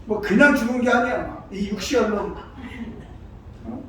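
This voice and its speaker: A man gives a sermon in a high, lifted voice, hammering home his points with sudden loud surges. The church sanctuary booms with long echo, and the mic sits far from him. A faint hiss lies under the recording. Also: expressive, a little slow. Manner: emphatic, acts out quoted voices with sudden loud rises. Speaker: pastor. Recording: very echoey hall, mic far off, faint background noise.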